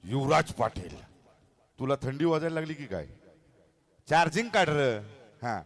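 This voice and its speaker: High-voiced playful male emcee. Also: expressive, moderate pace. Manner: playful, coaxing, teasing. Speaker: stage show emcee. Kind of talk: lively stage emceeing with children. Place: outdoor stage at a hotel lawn.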